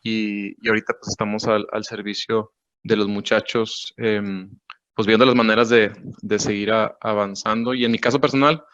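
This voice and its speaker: A man from Monterrey, introducing himself in a measured, formal way over a video call. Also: on the low side, level tone, a bit bright, no echo. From Monterrey, Mexico. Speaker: director of a youth association. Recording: dull, dry video-call audio.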